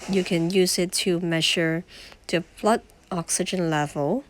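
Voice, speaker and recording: Hoarse woman, lowish voice, plain explainer for a home vlog. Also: fairly even intonation, unhurried, slight background noise. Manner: plain, explanatory, demonstrating items. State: hoarse sick voice. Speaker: vlogger. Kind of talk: home video narration.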